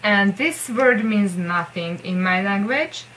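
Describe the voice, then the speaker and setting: In a low-quality recording with slight background noise, a young woman from Hungary speaks slowly in a mid-range, fairly bright voice. She's a vlogger chatting casually to camera from her posters-filled bedroom, using English as a second language with a Hungarian accent, rambling, self-deprecating, and full of filler "likes."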